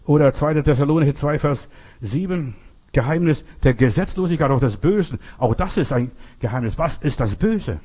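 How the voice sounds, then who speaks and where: Husky older man preaching with folksy stories. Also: fairly high pitch, animated, normal speed, warm tone. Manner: folksy storytelling, rhetorical questions, repeats "verstehst du". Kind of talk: sermon.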